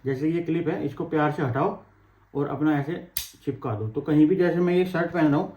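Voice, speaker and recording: Fast-talking man demoing gear. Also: on the high side, muffled recording, a little hiss or hum. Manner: chatty, explains step by step while handling gear. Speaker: tech reviewer vlogger. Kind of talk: casual product demo. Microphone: wireless clip-on mic.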